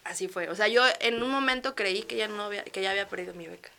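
A woman in her thirties with a Mexican accent, a guest telling stories in a relaxed, chatty way with frequent laughs. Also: medium pitch, fast talker, vocal fry. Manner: lively, chatty storytelling with frequent laughs and fillers. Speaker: guest architect. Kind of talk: casual interview chat.

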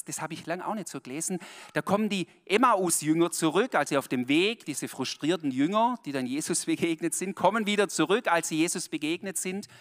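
A pastor giving a colloquial sermon, swinging between loud emphatic bursts and hushed asides, speaking directly to his listeners. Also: high-pitched, in a large hall.

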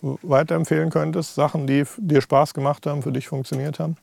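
A man speaking casually as an interviewer in a relaxed back-and-forth conversation. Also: a little high, brisk, gravelly, dry recording.

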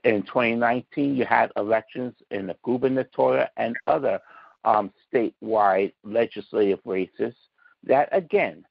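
Gravelly, fired-up male commentator. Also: mid-range voice, normal speed, no echo, highs cut off. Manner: emphatic, folksy, fired up. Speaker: political commentator guest. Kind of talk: impassioned podcast commentary.

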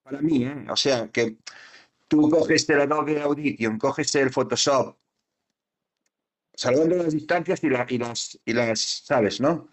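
A man's voice: mid-range voice, a little slow. A man co-hosting a podcast in casual chat, rambling with lots of fillers and restarts. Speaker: podcast co-host. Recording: dull lo-fi podcast audio.

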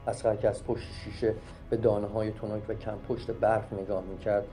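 A man reading a short story aloud as an audiobook narrator, calm and measured. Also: fairly low pitch. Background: faint music.

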